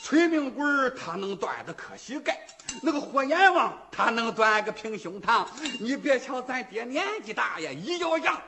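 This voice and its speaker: Male storyteller doing a timid, pleading young man; high and lively, eager and earnest in tone. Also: moderate pace, heavily acted.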